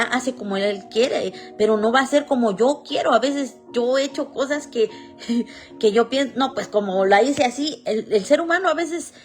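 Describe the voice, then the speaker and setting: Woman preaching an earnest sermon. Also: on the high side. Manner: earnest, with personal testimony and scripture reading.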